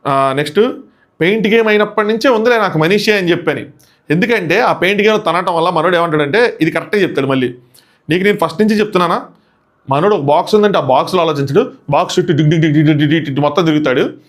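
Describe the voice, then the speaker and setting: A man giving casual commentary on a reality show, animated and quick, with a Telugu accent, mixing in English phrases. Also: high-pitched.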